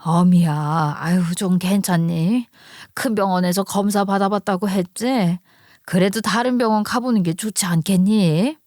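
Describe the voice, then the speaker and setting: A woman's voice: mid-range voice, measured pace, a little mellow, dry recording, studio quality, lightly acted. A woman voicing an older mother-in-law who sighs and sounds pitying and a little condescending. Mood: sighing.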